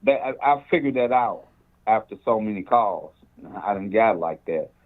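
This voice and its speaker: Low-voiced bishop on a tinny speakerphone. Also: male voice, animated, normal speed. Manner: rambling, preacherly, quotes scripture. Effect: speakerphone on a cell phone call. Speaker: bishop calling in. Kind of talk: casual talk over the phone. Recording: tinny cell phone speakerphone line.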